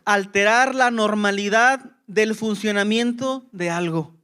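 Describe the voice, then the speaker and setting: Very high-voiced male pastor preaching. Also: slow, sharp tone, clean tone. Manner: impassioned preaching, rising and falling emphasis; rhetorical questions to the congregation. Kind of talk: sermon.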